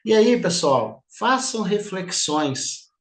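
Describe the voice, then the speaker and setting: Speaking slowly in a high, very animated voice, this middle-aged instructor runs a live online class. His style is casual and talkative as he lectures, quizzes students, and keeps tossing in "tá?".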